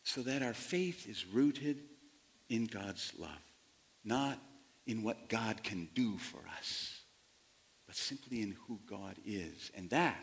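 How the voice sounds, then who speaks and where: A man preaching as a pastor to his congregation, in deliberate phrases broken by pauses. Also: lowish voice. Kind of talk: sermon, addressing congregation. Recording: long hall reverberation.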